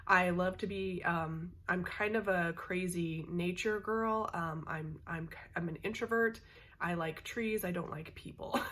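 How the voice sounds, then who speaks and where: A woman's voice: fairly low pitch, bright, forceful tone. A middle-aged woman chatting casually to her viewers in a rambling way, with many fillers and restarts. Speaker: vlogger. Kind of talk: casual chat to camera.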